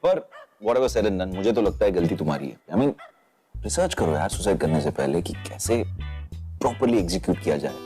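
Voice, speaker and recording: An actor playing a hospital doctor who is sarcastic and commanding, in a TV drama. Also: male voice, low-pitched, expressive, moderate pace, warm tone, soft background music. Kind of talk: TV drama acting. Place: hospital set.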